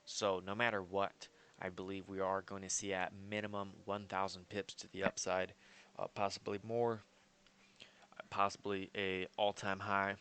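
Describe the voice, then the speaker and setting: A man's voice: deep voice, little pitch movement, normal speed, fairly bright tone, clean tone. A man walking through his trading chart analysis in a casual, confident and rambling way, with lots of fillers. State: hiccups. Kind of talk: casual screen-share market analysis.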